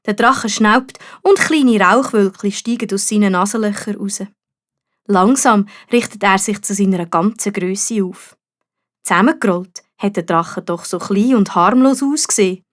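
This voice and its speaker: A woman's voice: mid-range voice, unhurried. A woman with a Swiss German accent narrating a children's story expressively, as a storyteller.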